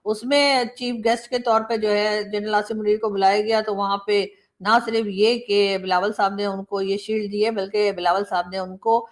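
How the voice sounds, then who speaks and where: A woman's voice: medium pitch, little pitch movement, moderate pace. A woman giving casual political commentary, chatty, with rhetorical asides.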